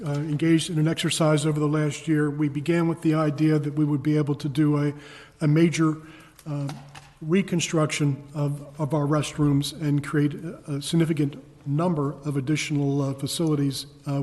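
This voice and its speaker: Even-toned man reporting in echoey hall. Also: on the high side, moderate pace. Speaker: town official presenting to council. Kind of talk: explanatory meeting report. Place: council meeting room. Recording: reverberant meeting hall.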